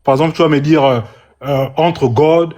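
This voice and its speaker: A man's voice: fairly high pitch, steady tone, normal speed, dark tone, lo-fi sound. A man in a religious debate, defensive and frustrated. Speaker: debate participant.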